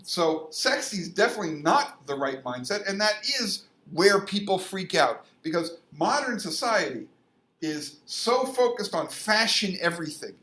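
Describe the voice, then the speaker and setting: A man's voice: sits high, sing-song, moderate pace, sharp tone. A man in a casual debate, explaining religious values emphatically and repeating phrases to press his point. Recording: echoey room.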